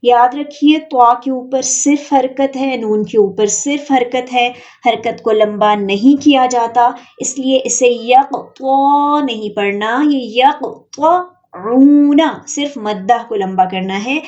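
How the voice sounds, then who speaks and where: A woman teaching an online Quran reading lesson, explaining each rule step by step and drawing out example words slowly. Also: fairly high pitch, a little mellow, dull audio.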